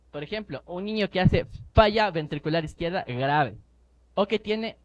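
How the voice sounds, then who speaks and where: A man with a high voice delivers a medical lecture, stressing key points and posing rhetorical questions to his listeners. The recording is slightly dull, with a faint hiss of noise behind him. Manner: explanatory, emphatic, rhetorical questions. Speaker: neonatology lecturer.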